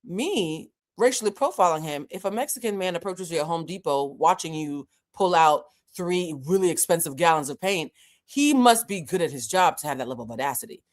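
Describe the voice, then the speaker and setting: A channel host from Boston, originally a French speaker, addresses her audience head-on as she tells a casual, expressive story full of cursing. She talks briskly in a fairly low voice.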